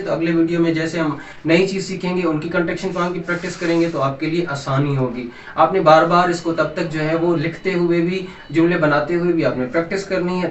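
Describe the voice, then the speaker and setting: Patient male teacher in echoey room. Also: a little high. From Pakistan. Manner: patient, repetitive drilling with polite "ji" asides. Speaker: English teacher. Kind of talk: explanatory grammar lesson. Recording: echoey room, distant mic, faint hiss.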